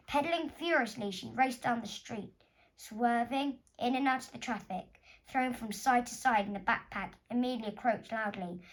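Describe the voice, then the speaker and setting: An author reads her own children's storybook aloud in a fairly high voice, narrating expressively as if sharing her tale with young listeners. The recording is rough.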